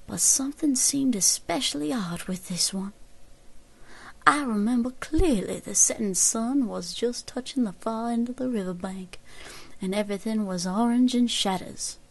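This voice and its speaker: In an audio drama, a woman portrays a grim elderly frontier woman with a Southern American accent, giving a slow, deliberate, folksy first-person account. Her voice is fairly high, creaky and husky, and the mood is grave and haunted. The character is older, and the audio quality is poor.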